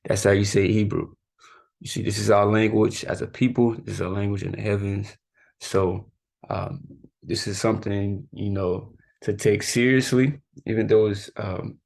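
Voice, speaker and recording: This man's voice sits low, mellow and touched with vocal fry. He's a youth teacher giving an informal spoken lesson, often tacking "right?" and "you know" onto his sentences and laughing off his own mistakes.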